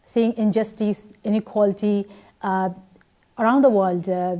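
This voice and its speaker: A woman from Nepal, in her thirties, answers questions as a guest on a TV interview. Her voice is mellow and warm, and she pauses often with fillers and restarts mid-sentence. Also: mid-range voice, fairly even intonation. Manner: hesitant, many fillers and restarts.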